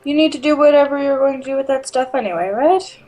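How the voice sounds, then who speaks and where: A woman voicing a dreamy, deadpan teenage schoolgirl who speaks flat and blunt. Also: high voice, fast, pitched above the performer's own voice, lightly acted, rough recording.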